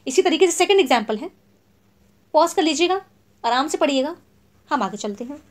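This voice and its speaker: A woman teaches literary terms for an exam in a high voice that swings widely in pitch. She reads each English definition slowly and clearly, then goes over it again in Hindi. She keeps checking in with the class as she goes. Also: lively intonation.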